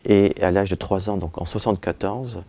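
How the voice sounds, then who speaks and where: A man's voice: low voice, fairly even intonation, moderate pace, warm tone. A man in his forties, born in Turkey and raised in France, answering interview questions in an office, hesitating with fillers, then pressing his points. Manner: frequent "euh" and "je dirais" fillers, hesitant then emphatic. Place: indoor office with bookshelves. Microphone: lapel mic.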